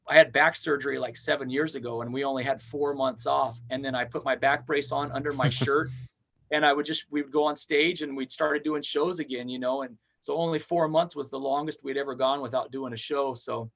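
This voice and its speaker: A man's voice: medium pitch, steady tone, vocal fry, fairly bright tone, highs cut off. A man in his forties, a touring band frontman, chatting in an upbeat, rambling way as a podcast guest. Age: 40s. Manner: upbeat, rambling, talks fast in long runs. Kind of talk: casual interview chat.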